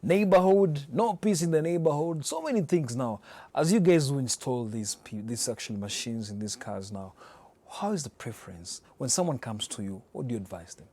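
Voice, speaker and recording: A man's voice: medium pitch, animated, normal speed, hardly any pauses, dark tone. A man with a Kenyan accent interviewing someone in a chatty, conversational way, often chiming in with affirmations.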